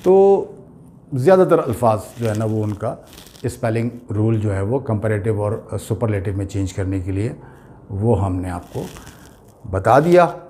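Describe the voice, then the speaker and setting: A man with an Urdu accent gives an English grammar lesson in an unhurried, measured way. His voice is mellow and dark. He patiently spells words out letter by letter. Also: lowish voice, lively intonation.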